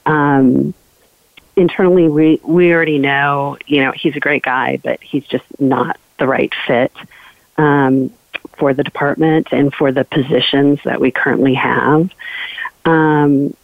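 A woman's voice: extremely low pitch, fairly even intonation, a little slow, vocal fry, no echo. A woman calling in to a radio show over a phone line, asking her question hesitantly with many ums and restarts. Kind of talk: casual call-in question. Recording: tinny dry phone line.

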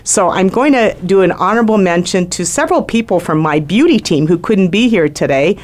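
A middle-aged woman hosting a radio talk show, chatting casually with personal shout-outs. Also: on the low side, animated, a little fast. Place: radio studio.

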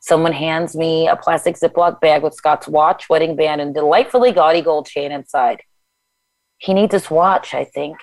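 A woman with a notably low voice reads her own memoir in the first person. In conversation she turns loose and chatty, scattering fillers through her talk. The recording is close and dry. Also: normal speed, hardly any pauses, a little mellow, no echo, poor audio. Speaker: author and guest. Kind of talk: memoir reading then conversation.

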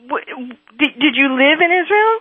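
A woman radio host asks her questions hesitantly, stumbling over her words. Her voice sits somewhat high. The sound is dry and thin, like a phone line. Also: expressive, a little fast, no echo. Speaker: radio talk show host. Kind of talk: phone interview.

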